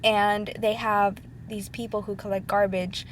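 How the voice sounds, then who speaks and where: A young woman of about twenty, from Ecuador, talks to her laptop webcam in a loose, heartfelt ramble full of ums and likes. Her voice sits at an ordinary middle pitch. A faint hum stays behind her. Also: flat delivery, measured pace. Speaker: vlogger. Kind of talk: casual talk to camera. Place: indoors at home, sitting at her computer. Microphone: laptop webcam mic.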